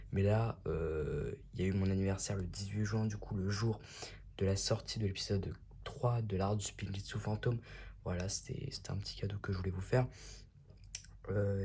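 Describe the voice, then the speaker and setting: Chatty, enthusiastic man, mellow voice. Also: on the low side, fairly even intonation, fairly quick, husky. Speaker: YouTube host. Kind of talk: casual unboxing vlog.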